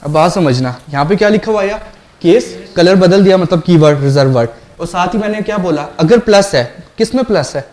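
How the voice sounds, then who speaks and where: With a high, expressive, darkish voice and a slightly fast delivery, a male lecturer walks his programming class through the material step by step. He regularly asks the students questions to make sure they follow.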